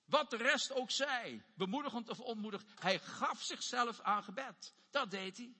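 Husky male preacher, lively swinging delivery, high voice, reverberant church hall. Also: measured pace. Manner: animated, swings between loud exclaiming and quiet asides, acts out quotes. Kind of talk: sermon.

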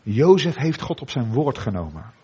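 A middle-aged man preaching a sermon in a church, earnest, with dramatic pauses and endings that drop soft. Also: medium pitch, big pitch swings, slightly rough.

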